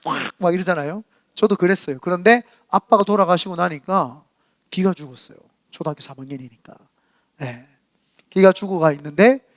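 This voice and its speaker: Animated pastor. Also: male voice, sits high, dry recording, studio quality. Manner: animated, acts out quoted voices. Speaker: senior pastor. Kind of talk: storytelling sermon. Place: church sanctuary.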